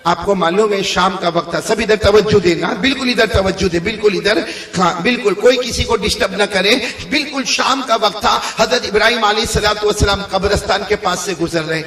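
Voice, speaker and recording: A man's voice: sits high, hardly any pauses, sharp tone, echoey room. A man preaching a storytelling sermon to a gathering, calling on the crowd to repeat his words back. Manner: prompts the crowd to repeat after him.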